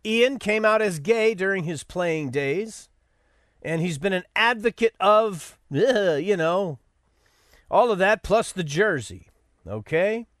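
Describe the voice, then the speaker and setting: A man's voice: sits high, animated, takes it slowly, a bit bright, no echo, studio quality. A man hosting a podcast, delivering a sarcastic, rambling commentary monologue with stammered restarts. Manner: sarcastic, mocking. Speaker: podcast host.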